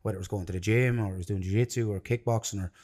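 Speaking very fast in a lowish, darkish voice with a steady tone, an Irish-accented jiu-jitsu coach in his thirties talks as a guest on a podcast. He's connected to both Ireland and London, and his casual, earnest chat tends to ramble a bit.

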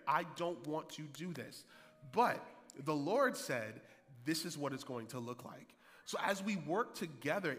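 A man in his thirties preaching a sermon as pastor, energetic, climbing louder and higher to drive points home and repeating key lines. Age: 30s. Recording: hall reverb.

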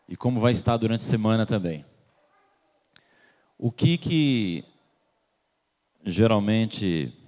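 This preacher, a man from Salvador, Bahia, Brazil, has a fairly low-pitched, warm voice. He questions his congregation in a church hall and waits for replies, with long hall reverb on the recording.

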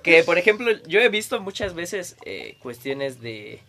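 A man's voice: on the high side, very animated, unhurried, pushed and bright. A man with a Mexico City accent chatting loosely on a podcast with friends, laughing often and rambling. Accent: Mexico City Spanish. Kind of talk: casual chat.

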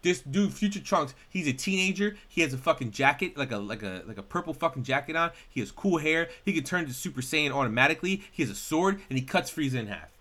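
Excitable man with a bright voice. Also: a little high, fast talker, hardly any pauses. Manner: excitable, rambling, swears often. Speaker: podcast co-host. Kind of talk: casual chat.

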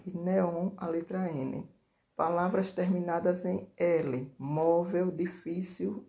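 A teacher, slowly reading out workbook corrections and dictating answers word by word. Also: medium pitch, creaky, warm tone.

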